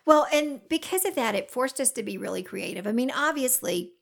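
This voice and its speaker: A woman with a Southern US accent talks in a relaxed co-host chat. Her voice has clear vocal fry, and her banter is wry and self-deprecating. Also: fairly high pitch, a little fast. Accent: American Southern. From southern United States. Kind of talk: casual co-hosted chat.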